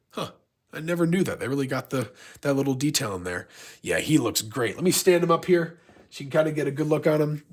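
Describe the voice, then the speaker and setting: Congested, husky man rambling enthusiastically. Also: mid-range voice. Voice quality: congested, stuffy-nosed. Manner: rambling, gushing fan enthusiasm. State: sick with a blocked nose. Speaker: YouTube toy collector and reviewer. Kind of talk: casual unboxing review.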